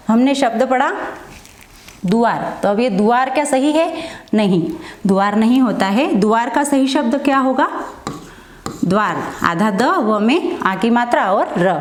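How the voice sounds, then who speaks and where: A woman's voice: fairly high pitch, darkish tone. Echoey woman teacher quizzing herself. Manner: asks questions and answers them herself. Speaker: Hindi teacher. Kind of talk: online classroom lesson.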